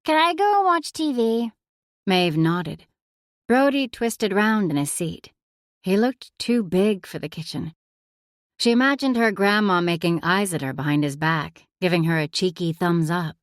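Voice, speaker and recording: A woman narrating an audiobook in an expressive, emotive reading style. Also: on the low side, unhurried, no echo, studio quality.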